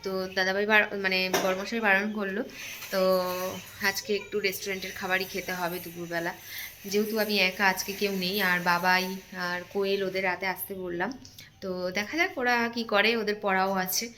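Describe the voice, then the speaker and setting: A woman's voice: medium pitch, fairly even intonation, a little fast, pushed and bright, a little hiss or hum. A young woman chatting to her viewers as she goes about her chores at home, talking into a handheld phone. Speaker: home vlogger. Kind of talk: casual vlog narration to viewers. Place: at home, kitchen.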